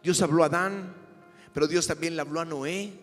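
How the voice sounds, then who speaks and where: A middle-aged male pastor preaching a sermon with passion, his voice rising to shouts. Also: fairly high pitch, steady tone, normal speed. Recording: long hall reverb with music behind. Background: soft music.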